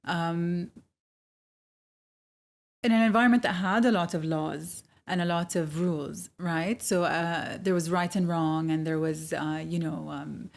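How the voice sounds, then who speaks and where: Reflective Saudi-born woman chef, low voice. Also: fairly even intonation, measured pace, vocal fry. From Saudi Arabia. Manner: reflective, hesitant with many fillers, laughs easily. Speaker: guest chef. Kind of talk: casual interview conversation.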